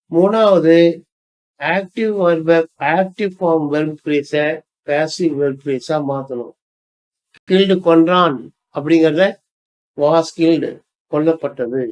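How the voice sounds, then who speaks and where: An older man with a Tamil accent teaching English grammar, explaining step by step and reading example sentences slowly. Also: fairly high pitch, darkish tone, low-quality recording. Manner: deliberate, spells out example sentences slowly, mixing in English phrases. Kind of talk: slow explanatory lesson.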